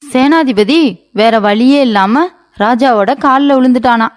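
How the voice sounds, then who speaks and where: A woman's voice: high-pitched, unhurried. Woman narrating a folksy cartoon tale. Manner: folksy, storytelling. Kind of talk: storybook narration.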